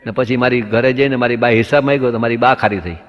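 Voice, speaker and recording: A man performs stand-up comedy, telling anecdotes and playing both sides of each exchange up to the punchline. His medium-pitched voice is fairly even and fast. The sound is dull and lo-fi, with long hall reverb.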